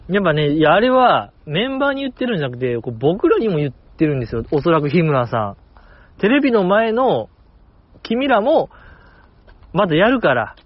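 A man's voice: a little high, dry recording, muffled recording. A man with a Kansai accent hosting a solo fan podcast, chatting enthusiastically and poking fun at himself. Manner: enthusiastic, chatty, self-mocking. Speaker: podcast host.

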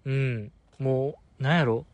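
A man with a Kansai accent hosting a podcast, rambling in a chatty, animated way and laughing often as he goes off on tangents. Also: mid-range voice, measured pace, dry recording. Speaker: podcast host. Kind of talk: casual solo podcast chat.

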